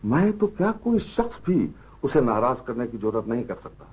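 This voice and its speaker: An actor playing a stern father who pleads firmly and slowly with his daughter, on a muffled old TV drama soundtrack. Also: medium pitch, sing-song, husky. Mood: pleading. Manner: pleading yet firm, slow and weighty.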